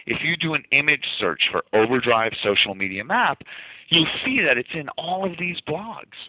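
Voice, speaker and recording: Slightly high and animated, this man's voice moves at a moderate pace through a casual interview. A guest in his office who owns a marketing agency, he speaks with a light Boston accent, eagerly explaining his marketing ideas and frequently restarting and repeating words. The recording is dry and tinny, like a phone line.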